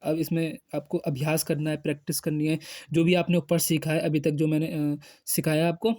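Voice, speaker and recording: A man teaching a spoken English lesson, explaining in Hindi and slowly modeling short English phrases with fillers. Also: a little high, flat delivery, dark tone, dry recording, clean studio sound.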